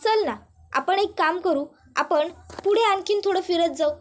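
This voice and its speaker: A woman voicing a gentle young husband who fondly recalls his childhood, in a soft storytelling tone. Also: very high voice, normal speed.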